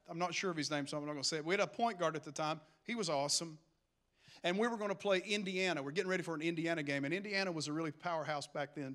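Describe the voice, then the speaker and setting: A man preaching a lively, humorous sermon that builds to emphatic calls to action. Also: high-pitched. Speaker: pastor.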